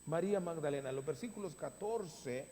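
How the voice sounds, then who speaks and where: A man preaching a sermon as pastor, stressing words with long dramatic pauses, recorded in a church sanctuary. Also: on the high side, animated, mellow. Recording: reverberant hall, faint hum.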